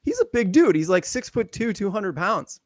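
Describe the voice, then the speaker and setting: A man co-hosting a casual soccer live stream, chatty and upbeat with quick asides. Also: sits high, very animated, dry recording, clean studio sound. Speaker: podcast co-host.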